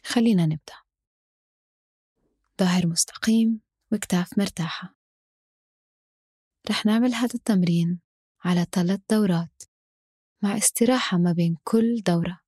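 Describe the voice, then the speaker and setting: A woman with a Levantine Arabic accent and a husky voice leads a guided breathing exercise as instructor, giving short, spaced instructions. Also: medium pitch, dark tone, no echo, studio quality.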